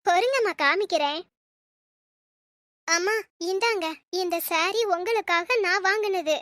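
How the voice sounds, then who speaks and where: A woman's voice: very high-pitched, a little slow, fairly bright tone, no echo, clean studio sound. A woman voicing a kind, affectionate young woman in a Tamil cartoon, eager and sweet in manner. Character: kind, generous young woman, devoted to her family.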